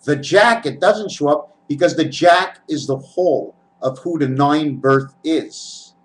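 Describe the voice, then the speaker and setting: A man's voice: medium pitch, rough recording. A man giving a rambling spiritual monologue to the camera, spinning wordplay out of letters and numbers and talking to viewers as his friends. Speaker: vlogger. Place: at home, on camera.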